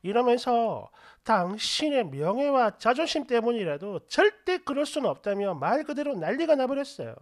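A woman narrating a family story in a chatty, indignant way. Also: a little high.

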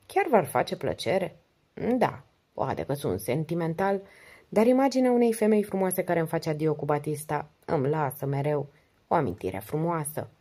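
A woman reading the lines of a charming, confident Englishman adventurer in an audiobook, in a calm, gallant manner. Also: low voice.

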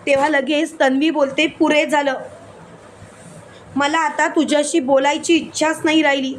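Brief: woman narrator, high bright voice, recaps a serial, reads every role in her own voice, faint background hum. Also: moderate pace. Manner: steady narration, voicing each character's lines plainly. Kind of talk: retelling a serial with read-out dialogue.

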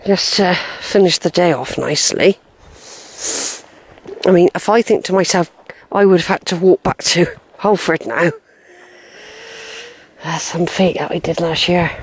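A woman with a lowish, slightly rough voice speaks unhurriedly, leaving long pauses. As a walking vlogger on a grassy hillside, she's short of breath and wheezy, chatting and rambling to a handheld camera as an unseen narrator, often talking to herself.

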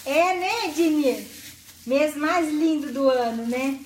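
A woman's voice: high voice, slow pace, a little hiss or hum. A middle-aged woman, hosting a live craft tutorial in a chatty, affectionate way and greeting viewers by name. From Brazil.

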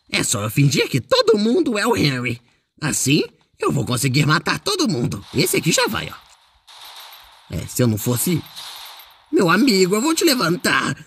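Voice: medium pitch, gravelly, a little hiss or hum. A performer voicing a mischievous, boastful male ink demon in character while commenting on a game, with a playful, exclamatory manner.

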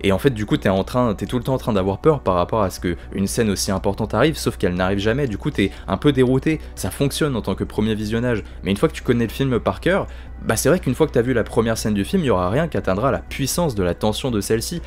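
A man's voice: lowish voice, lively intonation, quick pace, faint music behind. A man giving a casual, slangy film review, talking informally with lots of fillers.

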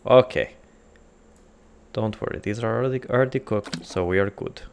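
Guy doing a jokey fake russian accent, lowish voice, rambling to himself. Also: normal speed, a little hiss or hum. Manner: put-on comic Russian accent, dropping articles; rambling, jokey, talks to himself while cooking. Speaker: gamer playing a cooking game. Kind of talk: casual gameplay commentary.

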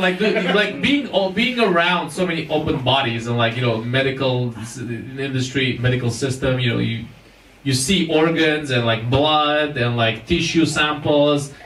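A stand-up comedian in his thirties works the crowd on a small club stage, teasing the audience with animated banter into a handheld mic. His voice is fairly high and moves at normal speed, captured from far off in an echoey room full of crowd noise and laughter.

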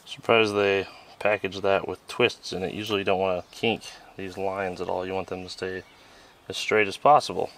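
Outdoors on a farm, a man hosts a vlog while working on an old tractor, joking and chatting in how-to fashion and sometimes muttering to himself. His voice is deep and slightly bright, with little pitch movement at a normal pace.

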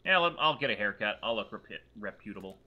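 A man's voice: on the low side, lively intonation, quick pace, pushed and bright, highs cut off. A man chatting casually as he plays a game with friends. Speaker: gamer playing with friends. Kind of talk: casual gaming chat.

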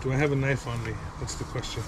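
A man's voice: medium pitch, little pitch movement, fast. A man in his thirties casually rambling through his finds item by item, recorded on an action camera outdoors beside a vehicle. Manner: upbeat, rambling item-by-item chatter. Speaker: storage unit reseller vlogger. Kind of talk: casual unboxing commentary. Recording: loud background noise.

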